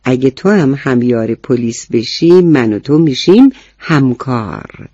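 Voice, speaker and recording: A man's voice: medium pitch, expressive, warm tone, no room sound, dull audio, close to an everyday voice. A man voicing an earnest young schoolboy who lectures his parents about safety rules, in a storybook reading. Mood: eager. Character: earnest rule-minded schoolboy, first grader.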